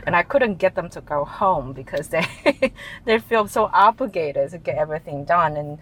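Low-pitched woman from taiwan chatting in an interview, laughs a lot, lots of restarts, faint noise behind. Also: animated, moderate pace, a bit bright, low-quality recording. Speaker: interview guest, chief information officer. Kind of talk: casual interview answers.

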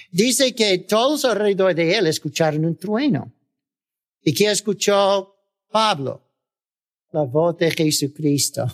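A male pastor preaching a sermon, often asking the listeners "¿verdad?" and chuckling between phrases, with many "ah" fillers. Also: high voice.

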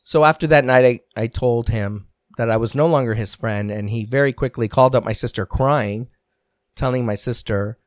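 Guy talking through a hurtful old friendship, earnest, pauses a lot, dry close sound. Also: mid-range voice, no room sound. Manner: earnest, reflective, hesitant with restarts. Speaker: podcast guest telling his story. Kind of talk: candid personal storytelling.

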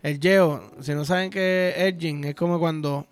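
High-voiced Puerto Rican man, crude rambling. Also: steady tone, moderate pace, clean tone. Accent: Puerto Rican Spanish. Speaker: podcast host. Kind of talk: casual comedic podcast monologue.

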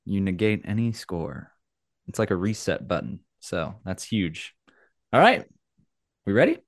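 A man hosting a casual game, explaining the rules in a playful, theatrical way with dramatic pauses. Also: low voice, dry recording, clean studio sound. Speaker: game show host.

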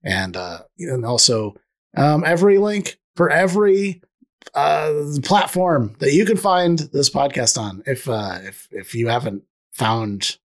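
A man's voice: medium pitch, expressive, measured pace. A man co-hosting a podcast in casual chat, rambling and trailing off with fillers. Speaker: podcast co-host.

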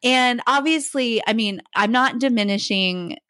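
Animated middle-aged woman telling a story. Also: fairly high pitch, measured pace, no room sound, clean studio sound. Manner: animated storyteller, laughing often, acting out quotes. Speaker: podcast co-host. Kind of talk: casual faith podcast storytelling.

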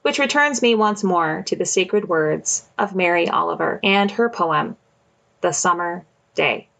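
Gravelly-voiced woman hosting a podcast. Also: fairly low pitch, unhurried, fairly bright tone. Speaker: podcast host. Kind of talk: scripted podcast narration.

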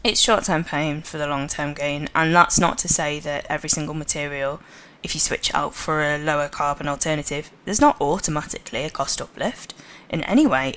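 A woman's voice: low-pitched, a bit bright. A woman with a Liverpool accent, speaking confidently and emphatically as a podcast guest. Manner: confident, emphatic, quick to laugh. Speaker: podcast guest, sustainability lead. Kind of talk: casual podcast interview.

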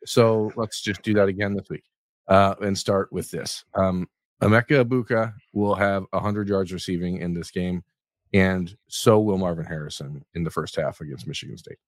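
A man's voice: deep voice, normal speed, dry recording. A man co-hosting a sports podcast, dry and sarcastic, talking in loose rambling runs. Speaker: podcast co-host. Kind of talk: casual sports podcast banter.

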